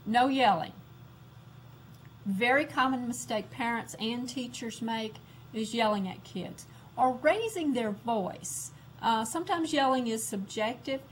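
Slow, deliberate woman lecturing on discipline. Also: a little high, slight background noise, rough recording. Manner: slow, deliberate, repeats key points. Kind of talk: recorded classroom lecture.

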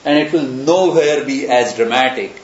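In a lecture room, a man talks through ideas at a moderate pace, his mid-range voice wandering discursively through many examples as he thinks aloud. The recording is roomy and dull, with an undercurrent of hiss.

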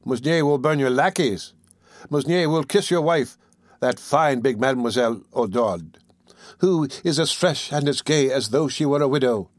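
A man voicing a mischievous young male student who taunts the crowd in a lively, mocking way. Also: medium pitch, moderate pace, dry recording, studio quality, close to an everyday voice. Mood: cheeky.

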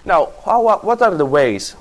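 A man's voice: high-pitched, sing-song, a little slow, poor audio. A man giving a university lecture, thinking aloud and correcting himself as he explains. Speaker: classics lecturer.

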